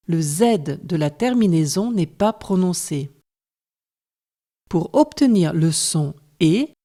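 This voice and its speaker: A woman narrates a scripted language lesson, walking through each point in careful steps. She speaks slowly and deliberately, with a lowish pitch and a warm, mellow tone. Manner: slow, careful, explains step by step. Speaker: French teacher.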